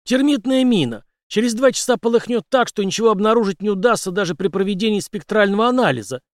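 A man reading an audiobook, voicing a confident ex-captain with a wry, brisk manner. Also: high-pitched, no room sound, studio quality, pitched above the performer's own voice, natural voice.

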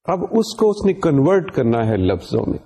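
A man's voice: on the high side, big pitch swings, mellow, breathy edge. A middle-aged man from Pakistan giving a university lecture, explaining patiently and slipping English phrases into his talk. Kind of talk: recorded lecture.

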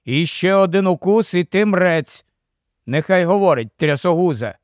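Guy reading as a noble prince, firm courteous orders, slightly high, dry close sound. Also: expressive, no echo. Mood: commanding. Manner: firm, measured commands.

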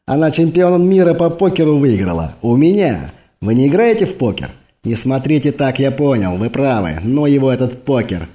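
A man's voice: mid-range voice, very animated, moderate pace, few pauses, mellow, close to an everyday voice. A man reading an audiobook, voicing a tactless, chatty army major who rambles in cheeky banter. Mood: excited banter.

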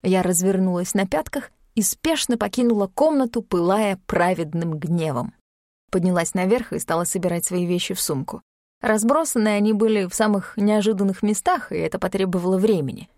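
A woman's voice: mid-range voice, darkish tone, no room sound, clean studio sound. A woman reading first-person audiobook narration in a wry, ironic manner.

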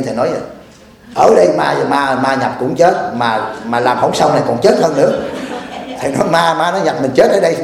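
A man giving a storytelling sermon as abbot, animated and chuckling as he acts out dialogue. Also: on the high side. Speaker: abbot giving a dharma talk. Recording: very echoey room.

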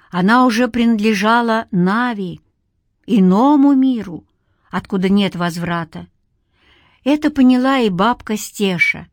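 A woman reading a dark story aloud in measured, dramatic scripted narration. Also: medium pitch, no room sound, clean studio sound. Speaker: audiobook narrator.

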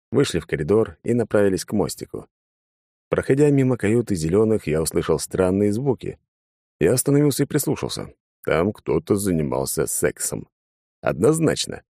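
Low-voiced male audiobook narrator. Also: expressive, moderate pace, mellow, dry recording, studio quality. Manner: wry, sardonic first-person telling. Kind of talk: first-person audiobook narration.

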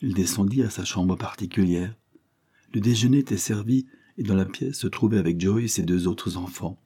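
A male audiobook narrator with a low, dark voice and a husky grain. He tells the story in a measured, dramatic way, steady and unhurried.

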